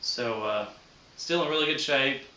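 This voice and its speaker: A man in his thirties hosts a shooting hobby channel, chatting to viewers casually and off the cuff with a folksy manner and rural, colloquial grammar. His voice is medium-pitched, bright and forceful, at a measured pace. The recording has a roomy echo, a distant microphone and slight background noise.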